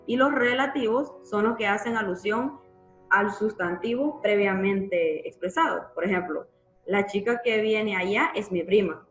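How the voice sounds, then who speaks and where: A woman's voice: mid-range voice, a little slow, soft background music. Patient woman teacher in a roomy room. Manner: patient explaining, frequent tag questions. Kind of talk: live online grammar class. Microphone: computer mic in a live online class.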